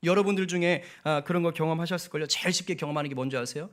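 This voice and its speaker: Animated Korean pastor preaching, higher voice. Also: male voice, racing. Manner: animated preaching with quoted inner voices and rhetorical questions. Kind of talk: sermon.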